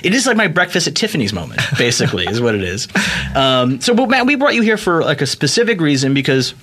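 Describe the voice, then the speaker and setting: A man's voice: a little high, very animated, fast, a bit bright. A man hosting a podcast, chatting casually, joking and stumbling over words. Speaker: podcast host. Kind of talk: casual chat.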